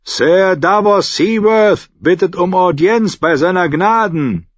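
A weary, stubborn knight, played by a male narrator, shouting upward in a raised, strained voice. His tone is husky and urgent. The recording sounds muffled and dry. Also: high-pitched, very animated, slow, no echo, voice pushed up, heavily acted. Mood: calling out. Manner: calling out loudly, pleading. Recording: dull lo-fi, dry.

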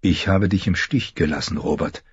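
A man voicing an imprisoned, grieving lord who speaks in a low, bitter, self-reproaching way. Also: normal speed, husky, no room sound, lo-fi sound. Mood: guilty. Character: imprisoned lord, grieving, guilt-ridden middle-aged man.

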